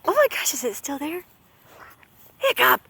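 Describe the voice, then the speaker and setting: Lively, animated woman filming in her backyard. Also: sits high, normal speed, creaky. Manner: animated, squealing and laughing, scolding the dog. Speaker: pet owner filming her dog. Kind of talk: casual home video chat. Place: backyard outdoors at night. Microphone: handheld phone.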